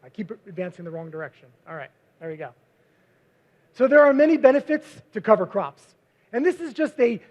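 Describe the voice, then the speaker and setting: A man, a visiting researcher, giving a conference presentation with slides, talking quickly with frequent fillers. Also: very high-pitched. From United States. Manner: self-described fast talker, frequent fillers. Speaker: visiting cover crop researcher. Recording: dull lo-fi recording.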